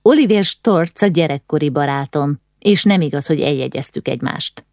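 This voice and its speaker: A woman's voice: low voice, dry recording, clean studio sound. Woman voicing a defiant young lady. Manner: defiant, steady.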